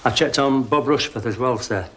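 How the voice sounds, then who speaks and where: A man's voice: medium pitch, moderate pace, a bit bright, a little hiss or hum, natural voice. An actor playing a dutiful, deferential police detective, reporting to his boss. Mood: matter-of-fact.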